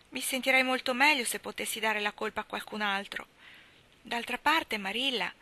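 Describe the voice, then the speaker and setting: A woman's voice: medium pitch, bright, forceful tone, voice pushed up. A woman voicing a talkative, imaginative orphan girl who speaks effusively and theatrically.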